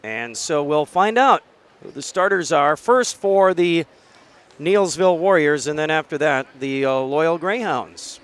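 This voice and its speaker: American male radio play-by-play caller, higher-pitched voice, conversational game commentary. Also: expressive, unhurried, a bit bright, clean tone. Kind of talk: live basketball radio commentary.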